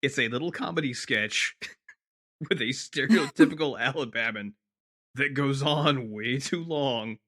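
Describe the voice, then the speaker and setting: A man's voice: medium pitch, measured pace, sharp tone. A man co-hosting a podcast, giving blunt, wry opinions in casual chat. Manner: blunt, wry, laughing asides. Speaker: podcast co-host.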